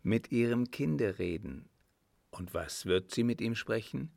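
Man doing unflappable ex-soldier servant, calm, mocking, slow, gravelly, audiobook character. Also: on the low side, no room sound, full character voice. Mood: cool mocking. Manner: calm, composed, faintly mocking.

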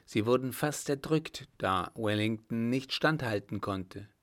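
A man voicing a confident young lieutenant in a calm, assured way, in a storybook reading. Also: medium pitch, measured pace, close to an everyday voice.

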